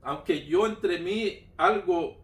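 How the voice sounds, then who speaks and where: A man with a high voice speaks slowly, fervently retelling his personal religious testimony with a lot of repetition. The recording sounds roomy, as if the mic were far away.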